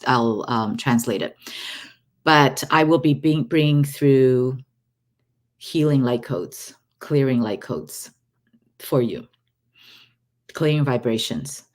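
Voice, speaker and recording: A woman giving a guided relaxation talk as an energy healer, halting and unhurried, with long pauses between phrases. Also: a bass voice. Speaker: energy healer hosting her own recordings.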